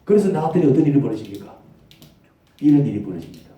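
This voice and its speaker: A male pastor with a Gyeongsang dialect preaching a lively, conversational sermon that acts out dialogues. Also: medium pitch, very fast. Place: church sanctuary. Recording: echoey church hall, mic far off.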